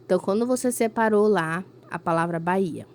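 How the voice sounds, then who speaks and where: A woman's voice: medium pitch, a little fast, darkish tone. A woman teacher, giving a recorded lesson to a fifth-grade class and explaining patiently step by step with frequent check-ins. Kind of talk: recorded remote school lesson.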